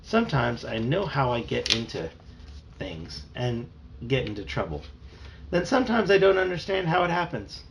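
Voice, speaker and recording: Animated man reading a kids' novel. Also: mid-range voice, normal speed, gravelly, noisy background. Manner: animated, expressive. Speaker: storybook reader. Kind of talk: reading a children's novel aloud.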